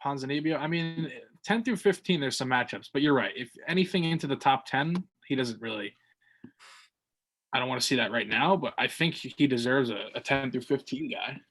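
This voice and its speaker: A man's voice: mid-range voice, a little fast, fairly bright tone. A man co-hosting a fight podcast in casual chat, rambling with fillers and restarts. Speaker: podcast co-host.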